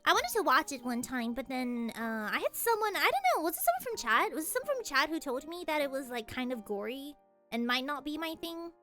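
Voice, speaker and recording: A young woman streamer chatting casually from her room, sleepy, talking fast and rambling with frequent laughter. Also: sits high, big pitch swings, bright, forceful tone, faint music behind. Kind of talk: casual chat.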